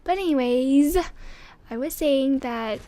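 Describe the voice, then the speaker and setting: A young woman with a sore throat giving casual gameplay commentary, chatty and rambling, her voice rough and strained. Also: sits high, slow, mellow. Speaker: gaming commentator.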